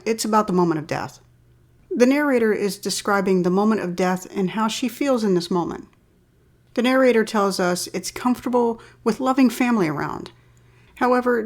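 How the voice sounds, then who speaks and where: A woman reading a poem aloud and then explaining it in a calm, measured way, like a literature teacher. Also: medium pitch. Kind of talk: poetry reading and analysis.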